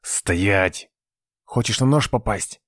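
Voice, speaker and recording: A cool, hard-edged young agent giving short, commanding orders in a low voice, as a male narrator reads him. The audiobook sound is dry and close. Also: takes it slowly, dry recording. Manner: terse, commanding.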